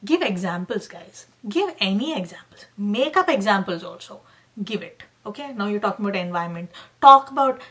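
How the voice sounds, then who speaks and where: Speaking at a moderate pace in a medium, pushed and bright voice, this young channel host is animated as she offers exam tips. Her casual to-camera tutorial is emphatic, peppered with "guys" and "okay?"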